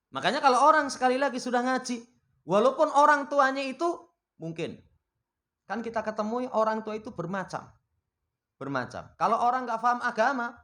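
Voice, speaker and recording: A man preaching a sermon, swinging between loud exhortation and low, quiet asides, and reciting Arabic passages. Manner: mixes Indonesian, Javanese and Arabic recitation.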